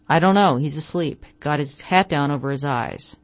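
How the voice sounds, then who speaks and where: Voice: moderate pace, lo-fi sound, natural voice. A reader voicing an irritable, fussy male hotel agent in a western story reading, in a raised, complaining voice. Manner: higher, louder, complaining.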